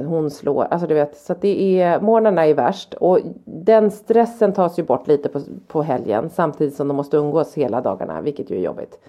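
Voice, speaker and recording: Woman, low voice, blunt casual chat, acts out quotes, muffled sound. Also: mellow. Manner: frank, swears freely, acts out quotes.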